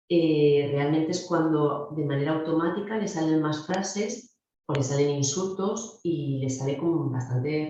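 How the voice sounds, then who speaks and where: A woman's voice: low voice, mellow, slight background noise. A middle-aged woman from giving a clinical speech therapy lecture, explaining things directly to her students. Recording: very echoey, dull lo-fi room sound.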